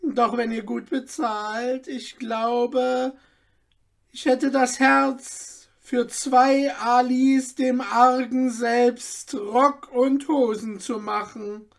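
A man voicing an old male tailor, greedy and excitable, with a strained, pitched-up old voice. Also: very slow, gravelly, exaggerated voice. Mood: shrewd. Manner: excitable, haggling.

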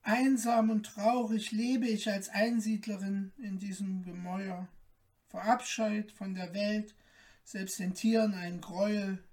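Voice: medium pitch, distant mic, lightly acted. A reader doing a mournful enchanted owl princess. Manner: soft and subdued, slow and mournful. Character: sad enchanted owl princess, lonely and gentle.

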